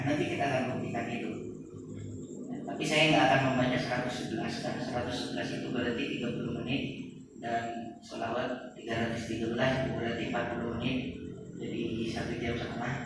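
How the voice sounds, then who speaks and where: A man preaching a sermon to boarding school students, slow and deliberate, repeating key phrases for emphasis. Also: medium pitch, a bit bright, slight background noise. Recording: echoey hall, distant mic.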